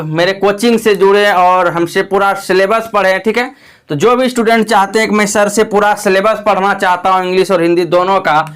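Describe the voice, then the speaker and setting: A man's voice: high-pitched, a bit bright, clean tone. A young man with a Bihari Hindi accent teaching an online English grammar lesson, patient and repetitive, reassuring his students as he goes. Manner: patient, repeats phrases, reassuring asides to students.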